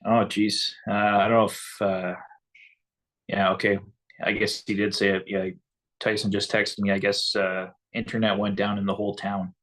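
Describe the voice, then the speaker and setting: Low-ish male voice, laid-back fan co-host, reads chat aloud, from Canada. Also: moderate pace. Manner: relaxed, chatty, reads out viewer comments. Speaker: co-host of a fan game-watch stream. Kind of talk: casual live game chat.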